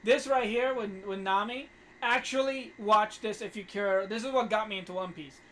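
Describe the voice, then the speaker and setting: High-voiced playful young man. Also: fairly even intonation, normal speed, fairly bright tone. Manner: laughs often, slangy and playful. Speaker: podcast co-host. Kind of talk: casual chat.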